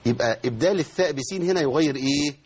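Egyptian man as recitation teacher, rapid and a little raspy, calls on students and models verses slowly. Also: fairly high pitch, darkish tone. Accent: Egyptian Arabic. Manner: quizzes students by name, demonstrates verses slowly. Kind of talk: tajweed lesson with students.

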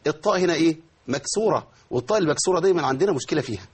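Egyptian man as recitation teacher, rapid and a little raspy, calls on students and models verses slowly. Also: on the high side, expressive. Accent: Egyptian Arabic. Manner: quizzes students by name, demonstrates verses slowly. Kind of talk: tajweed lesson with students.

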